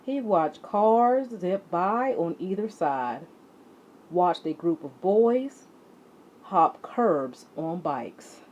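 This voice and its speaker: A woman reads a picture book aloud at an unhurried pace, with lots of rise and fall in her voice. Her storytelling is deliberate and expressive. The recording sounds a little dull and lo-fi. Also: lowish voice, slight background noise. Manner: animated, deliberate storytelling delivery. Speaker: read-along storyteller.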